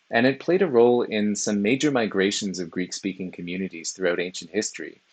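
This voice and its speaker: Measured male lecturer with a low voice. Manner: measured, explanatory, with frequent "uh" fillers. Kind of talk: recorded philosophy lecture.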